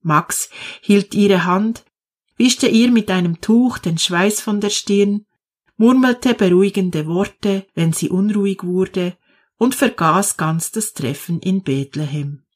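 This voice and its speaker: Slow, calm woman storyteller. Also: medium pitch. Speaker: narrator. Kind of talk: storybook reading.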